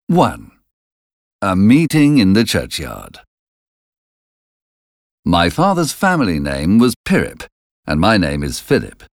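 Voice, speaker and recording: Male audiobook narrator with a deep voice and lively, varied intonation, reading slowly in a dry room. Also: no room sound. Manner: slow, deliberate reading. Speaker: audiobook reader. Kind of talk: storybook narration.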